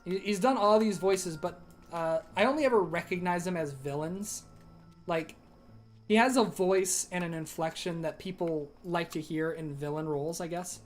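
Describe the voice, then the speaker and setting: A young man with a high-pitched voice chats casually at normal speed while streaming a game. His throat sounds dry, and he rambles through ideas with lots of fillers and restarts.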